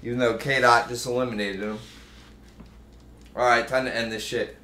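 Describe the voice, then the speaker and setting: A man's voice: medium pitch, normal speed. Cocky young man streaming, roomy echo. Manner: swearing, cocky, excitable sports-fan chatter. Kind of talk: live game commentary with trash talk. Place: indoor room, streaming setup. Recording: roomy, echoing room sound.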